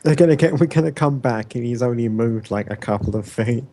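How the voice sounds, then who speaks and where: A man's voice: mid-range voice, brisk, dark tone, slight background noise. A man who is a player in a tabletop role-play game, making dry jokes. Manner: dry, wisecracking.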